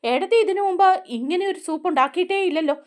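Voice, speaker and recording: A woman's voice: very high-pitched, quick pace, pitched above the performer's own voice. A woman voicing an injured but easygoing young man who keeps reassuring his family.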